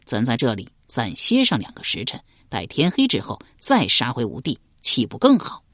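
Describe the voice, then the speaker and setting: A man's voice: mid-range voice, wildly swooping pitch, a bit bright, no echo, clean studio sound, pitched below the performer's own voice. A man voicing a crafty, calculating male barbarian chieftain. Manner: calculating, measured.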